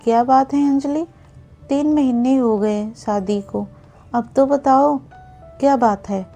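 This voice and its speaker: Woman playing young husband, reassuring, plain, slow, mellow, storybook. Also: sits high, faint music behind, full character voice. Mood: coaxing. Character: young husband, patient then frustrated.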